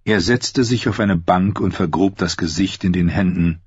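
A man narrating an audiobook in a steady, measured storytelling voice, recorded close on a slightly dull lo-fi recording. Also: deep voice, slightly rough, no echo.

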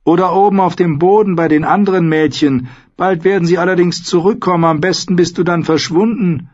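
Male narrator doing harsh, high old crone voices for an audiobook, blunt and ominous. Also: steady tone, fairly quick, darkish tone, muffled recording.

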